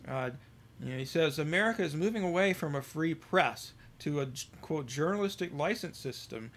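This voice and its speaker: A male podcast host giving casual commentary on news stories, reading out quotes and talking haltingly with many fillers, his volume rising and falling. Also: fairly high pitch.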